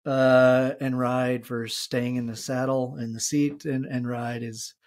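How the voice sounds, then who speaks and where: A man's voice: mid-range voice, flat delivery, a little slow, darkish tone. A man hosting a podcast, asking long, loose questions full of fillers. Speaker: podcast host. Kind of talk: casual interview chat.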